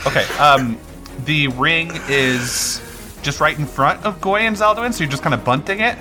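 A man's voice: a little high, normal speed, over music. A man acting as game master, casually narrating combat and rulings in a tabletop role-playing game.

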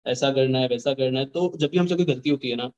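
In a muffled recording, a young man who raps speaks quickly in a mid-range, darkish voice as an interview guest. He rambles earnestly and at length in a casual way, switching between Hindi and English phrases.

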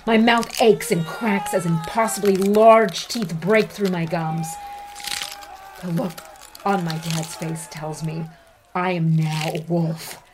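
A woman's voice: fairly low pitch, fairly even intonation, slow, noisy background. A woman playing a teenage girl turning into a raging werewolf, narrating a horror audio drama in first person with intense, swearing dread. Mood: anguished.

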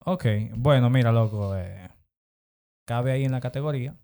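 A young man with a Dominican accent chatting casually and telling slangy, jokey, animated stories as a podcast co-host. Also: medium pitch, moderate pace, smooth. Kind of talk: casual chat and storytelling among friends.

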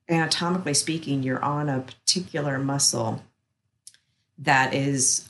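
A woman giving guided relaxation instruction in a gentle, soothing, unhurried way, as a bodywork practitioner. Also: rumbling low.

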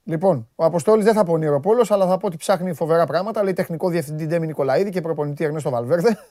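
A man's voice: fairly high pitch, warm tone, no room sound, studio quality. A man with a Greek accent hosting a casual sports talk show, chatty and full of questions. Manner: chatty, questioning, interjects often. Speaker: podcast host.

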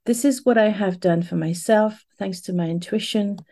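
A woman's voice: medium pitch, normal speed, dark tone. A woman hosts a spirituality podcast in a welcoming way. Her voice sits in an ordinary middle range. She stumbles now and then as she introduces her guest. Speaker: podcast host. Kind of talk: podcast interview.

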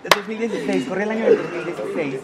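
A man's voice: high voice, rapid-fire, a loud crowd. A man with a Mexican accent telling a gossip story as a guest on a live talk show, acting out the quoted voices in it. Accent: Mexican Spanish. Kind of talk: casual chat.

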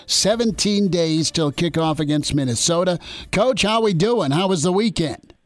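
A man's voice: high voice, no echo. Upbeat male sports radio host. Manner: upbeat, conversational, quick asides. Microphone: studio mic, dry.

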